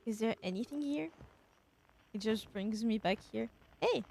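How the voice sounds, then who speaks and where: A young woman streamer talks through a game in casual commentary, musing aloud and asking herself question after question. Her voice is high and her pace slow. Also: animated, vocal fry, darkish tone.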